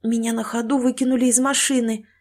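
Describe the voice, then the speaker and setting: A woman's voice: on the high side, little pitch movement, fast talker, a little mellow, pitched above the performer's own voice, natural voice. A woman narrator voicing a frightened, hurt young pregnant woman who pleads breathlessly in an audiobook. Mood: weak, fearful.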